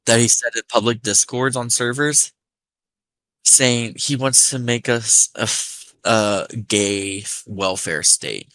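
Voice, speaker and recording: A man's voice: medium pitch, slow pace, fairly bright tone, dry recording, rough recording. A man with an American accent touched with Appalachian, telling anecdotes in a sweary, rambling casual chat. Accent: American, slightly Appalachian.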